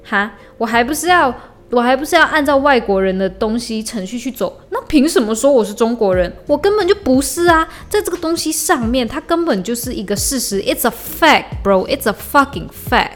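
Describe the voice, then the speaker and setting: A woman's voice: high-pitched, animated, normal speed, hardly any pauses, fairly bright tone, soft background music. Blunt, profane woman ranting. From Malaysia. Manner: heated, blunt, profane, mixes in English slang. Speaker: podcast host. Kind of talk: solo podcast rant. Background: faint lo-fi hip-hop beat.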